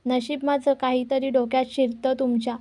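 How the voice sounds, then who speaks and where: A woman's voice: high-pitched, flat delivery, moderate pace, dark tone, close to an everyday voice. A woman voicing an angry, proud young wife who scolds her timid husband sharply. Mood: angry scolding.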